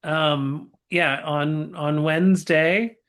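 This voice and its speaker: Slow-talking woman with faint Oklahoma drawl. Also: low-pitched, steady tone. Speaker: podcast co-host. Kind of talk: casual chat.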